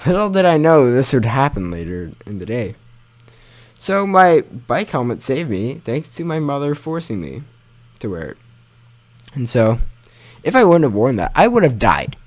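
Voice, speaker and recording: A young man with a medium-pitched voice tells a personal story as though for his gaming channel, loose and informal with some mild swearing. He's very animated, speaks at a moderate pace, and pokes fun at himself.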